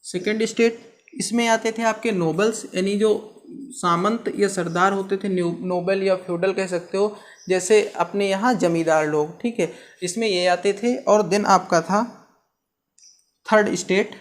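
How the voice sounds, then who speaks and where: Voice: mid-range voice, steady tone, unhurried. A teacher works through an exam-prep history lesson, posing a question and then answering it. Key terms are explained with homely comparisons, and "theek hai" keeps coming back as a check-in. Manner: asks rhetorical questions and answers them.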